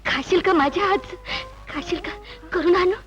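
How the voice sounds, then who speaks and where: A woman's voice: extremely high pitch, moderate pace, dull audio. An actress playing a poor village woman who weeps and pleads, in an old film drama. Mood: tender, tearful. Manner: weeping, pleading. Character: poor village woman, tender then fierce. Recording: old film soundtrack with music.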